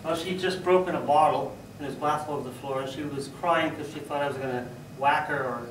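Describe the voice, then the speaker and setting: A man giving a humorous storytelling speech at a contest, animated, with loud bursts for sound effects. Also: on the high side, a little fast, a little hiss or hum. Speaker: contest speaker. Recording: echoey hall, mic from far off.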